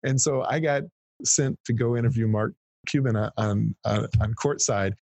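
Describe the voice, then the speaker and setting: Husky-voiced man in his fifties telling stories. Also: medium pitch, normal speed, no room sound. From Texas, US. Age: 50s. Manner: animated storyteller, repeats words when starting phrases. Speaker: guest, PR firm founder. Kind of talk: storytelling interview chat.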